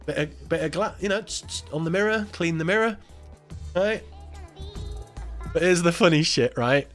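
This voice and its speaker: A man's voice: on the high side, moderate pace, faint music behind. A man hosting a live stream, telling a story in casual chat, acting out the voices of the people in it and laughing often. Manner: animated, acts out quoted voices, laughs often, swears.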